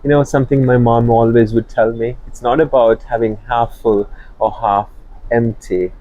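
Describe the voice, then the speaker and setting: A man's voice: medium pitch, fairly even intonation, normal speed, no room sound, dull audio. A man from Sri Lanka, speaking earnestly as a guest in an interview, with many fillers and restarts. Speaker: guest, company executive. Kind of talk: interview conversation.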